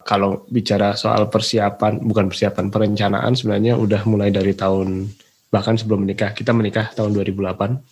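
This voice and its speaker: A man in his forties, from Indonesia, a podcast guest speaking slowly and hesitantly with many fillers. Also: fairly low pitch, little pitch movement, darkish tone, breathy edge. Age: 40s. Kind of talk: casual conversation.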